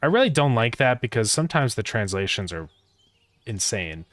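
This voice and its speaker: A man developing a game on a live stream, thinking aloud in a relaxed way and answering chat with fillers. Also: medium pitch, normal speed, no room sound. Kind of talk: casual live-stream chat while coding.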